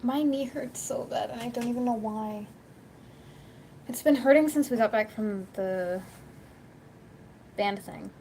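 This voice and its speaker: At home, a woman YouTuber and livestreamer chats casually, rambling through stories, acting out quoted dialogue and saying "like" constantly. Her voice is a little high and dark-toned, a little slow with long pauses, over slight background noise.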